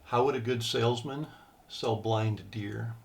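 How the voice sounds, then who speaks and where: Gravelly man telling casual jokes. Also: medium pitch, a little slow. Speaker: contestant telling dad jokes. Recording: clear background noise, clicks.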